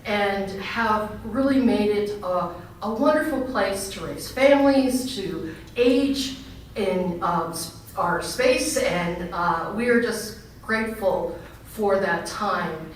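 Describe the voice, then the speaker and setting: A woman pastor projects her big voice across a gathering, offering informal remarks and prayer at a large banquet hall. Her pitch is mid-range and she takes her time, while the distant microphone picks up heavy echo and faint noise.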